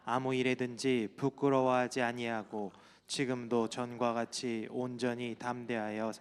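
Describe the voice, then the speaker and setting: Guy reading bible verses, steady and smooth, big churchy reverb. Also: mid-range voice, unhurried. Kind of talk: reading scripture aloud. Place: church sanctuary.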